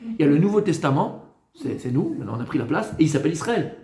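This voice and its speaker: A man, a rabbi, teaching a class in lively style, often asking questions and answering them himself. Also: fairly high pitch, fast. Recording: echoey room.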